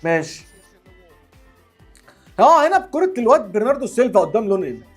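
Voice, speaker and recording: A man's voice: extremely high pitch, fast talker, breathy edge, faint music behind. A man with an Egyptian accent hosting a football reaction video, exclaiming and repeating himself as he reacts to clips. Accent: Egyptian Arabic. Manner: animated, exclaiming, repeats words. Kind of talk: excited reaction commentary.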